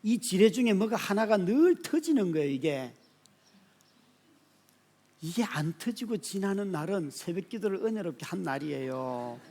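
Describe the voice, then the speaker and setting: A male pastor in his fifties giving a sermon with lively storytelling, dropping to quiet asides and rising to sudden shouts, often turning to ask the congregation "right?". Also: high voice. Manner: speaks to the congregation directly, often asking "right?".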